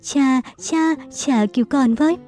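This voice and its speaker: A woman voicing a young pregnant wife in a storybook, hurt and pleading, her voice pushed up high and thin. she speaks, in a soft, mellow tone, with faint music underneath. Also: moderate pace, close to an everyday voice. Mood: desperate. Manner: pleading, crying out for help.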